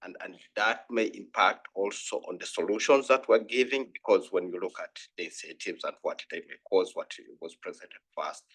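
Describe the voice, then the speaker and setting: A man from Uganda, giving an earnest, halting comment in a conference panel and often restarting his sentences. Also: low-pitched, fairly bright tone, slightly rough, rough recording. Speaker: panel discussant.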